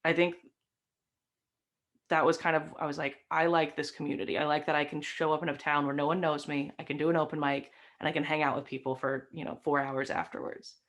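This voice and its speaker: This low-voiced young woman, a stream host and comic from the Southern United States, has a light Southern American accent and a flat delivery that runs a little fast. Guesting on a casual interview chat, she tells chatty stories thick with fillers from a decorated home room with framed posters.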